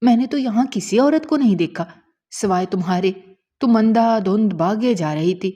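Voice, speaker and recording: A woman's voice: mid-range voice, expressive, mellow, voice pushed up, lightly acted. A woman voicing an exasperated, worried young man who scolds and questions in disbelief in a narrated story. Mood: scolding.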